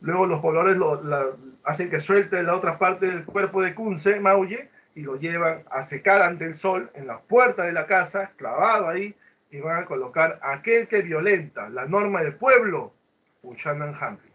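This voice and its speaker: In this storytelling lecture, a male literature teacher with a Peruvian Spanish accent recounts a folk tale, performing the quoted voices and asking brief questions to check in. He talks at normal speed in a fairly high, bright, forceful voice, and the audio is dull.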